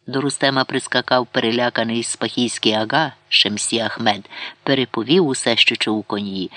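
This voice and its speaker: A man narrates a historical novel in a measured storytelling manner, his pitch and loudness rising and falling through each sentence. The recording is dry and close, with no room echo at all. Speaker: audiobook narrator.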